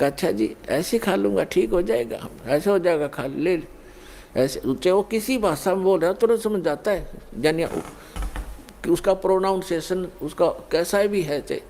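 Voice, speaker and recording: Male preacher, warm dark tone, raised pitch, sermon delivery. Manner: addresses listeners as "punyatmaon", explains with everyday examples. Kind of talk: Hindi spiritual sermon.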